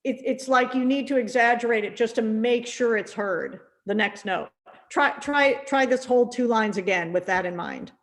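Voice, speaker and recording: A woman's voice: a little high, moderate pace. Encouraging woman coaching a percussion student. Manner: gentle, encouraging, repeats words as she thinks. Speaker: percussion teacher giving a masterclass.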